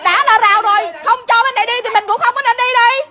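A woman's voice: very high voice, quick pace, over a noisy crowd, very noisy. A woman scolding a neighbor in a heated outdoor argument, repeating and cursing. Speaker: neighbor in a quarrel.

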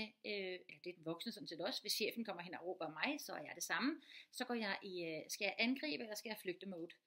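A middle-aged woman, a teacher and mother, giving casual advice, talking quickly with many fillers and restarts. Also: mid-range voice, a bit bright. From Denmark.

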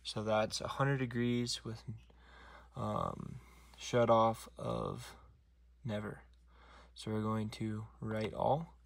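A man calmly walking through a steering wheel module install from inside his truck, filmed on a phone while he works, with a few near-whispered asides. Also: lowish voice, gravelly, no echo. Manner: slow, methodical, talking while working, some near-whispered asides. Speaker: DIY car tutorial maker. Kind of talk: step-by-step how-to narration.

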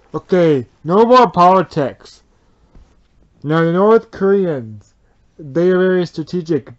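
A man improvises a toy-puppet drama in a bedroom full of plush toys, rambling and swearing as he goes. His voice sits a little high for a man, and the close phone recording sounds dull and lo-fi. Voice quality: rambling, swearing, hesitant restarts.

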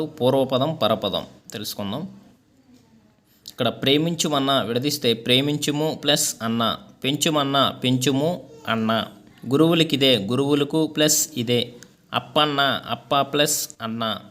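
A male teacher works through a school lesson's exercises. He reads each question and its answer in an even, measured rhythm, at a middle pitch for a man.

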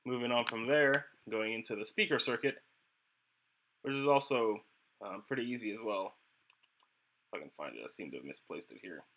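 Narrating a casual screen-capture electronics tutorial off the cuff, this hobbyist speaks informally and wanders a bit, dropping "you know" often. His lowish, fairly bright voice is animated, at normal speed with frequent pauses, and there's slight background noise.

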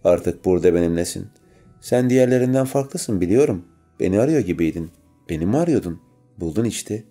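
A man's voice: low voice, expressive, fairly quick, mellow, faint music behind. A man voicing a scarred male serial killer who speaks coldly and menacingly. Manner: menacing, cold.

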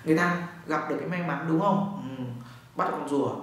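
Male language teacher, repeats phrases slowly, explains with examples, very echoey room, distant mic. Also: fairly high pitch, a bit bright, slight background noise.

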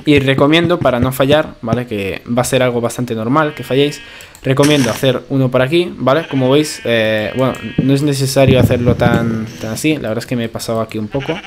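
A man's voice: mid-range voice, brisk. Man chatting through a game tutorial. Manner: chatty, explaining step by step, constant "¿vale?" checks. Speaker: gaming video creator. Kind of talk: casual gameplay tutorial narration. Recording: game audio with music behind.

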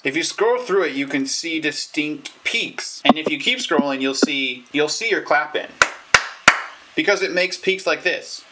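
Heavy background noise surrounds a man in his thirties as he walks through a how-to for his YouTube tutorial, speaking informally in fits and starts while demonstrating. His voice is a little high and a little slow, captured on a clip-on lavalier or camera mic.

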